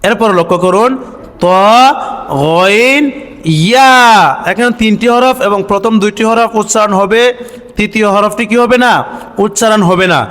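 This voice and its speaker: A man teaching Quran reading. He spells out letters and vowel marks step by step, asks questions and answers them himself, and chants each syllable slowly. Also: sits high, a bit bright. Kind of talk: step-by-step recitation lesson. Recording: long hall reverb.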